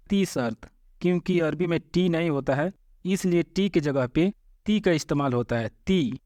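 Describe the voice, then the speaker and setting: A man teaching vocabulary, repeating each word slowly and addressing viewers as friends. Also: a little high, a little mellow, dry recording, studio quality. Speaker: Arabic language teacher. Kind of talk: vocabulary lesson.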